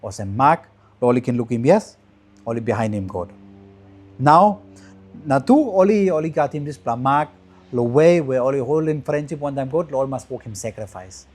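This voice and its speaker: A man with a Papua New Guinean accent teaches from the Bible as a preacher in pidgin, in short repeated phrases that rise with emphasis and then trail off softly. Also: animated, normal speed, faint music behind. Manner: emphatic rises trailing off into lower, softer phrase endings.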